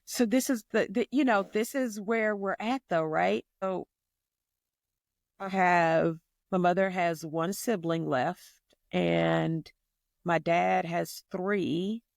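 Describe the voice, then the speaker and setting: A middle-aged woman co-hosts a podcast in casual chat, telling stories with slangy phrasing and emphatic repetition. Her voice is fairly low, steady, slow, and creaky, captured in a dry, studio-quality recording.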